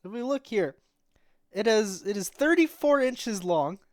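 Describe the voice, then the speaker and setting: Lively, wry man on a dry call. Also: high-pitched, a little slow, no room sound. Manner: joking, wry. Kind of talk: casual group chat on a voice call.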